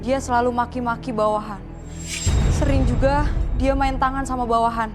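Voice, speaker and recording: A woman's voice: a little high, steady tone, normal speed. A woman giving confessional answers as an aggrieved employee, speaking in a blunt, accusing way. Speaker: employee airing a grievance. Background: loud music.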